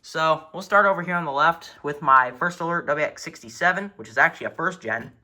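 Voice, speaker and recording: A man with a slightly high, brisk, sharp voice shows off his weather radio collection at home, narrating casually and chattily as an enthusiastic hobbyist. He films off screen with a handheld camera in an indoor room, with faint noise and button clicks audible.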